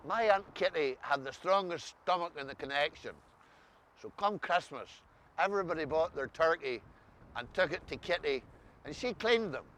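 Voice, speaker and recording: A man's voice: fairly high pitch, lively intonation, normal speed, a bit bright, slight background noise, poor audio. A man with an Ulster Scots accent from Northern Ireland, chatting as a co-host and explaining dialect words in a wry, anecdotal way.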